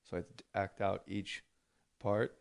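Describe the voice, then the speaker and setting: Gravelly profane man hosting a podcast. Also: on the low side, steady tone. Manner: profane, quick to slip into impressions. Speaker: podcast host and comedian. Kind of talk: casual chat.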